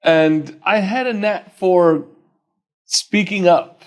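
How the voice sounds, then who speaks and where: A man in his forties from Iraq, a personal injury attorney telling his life story as a podcast guest in an earnest, measured way. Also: sits high.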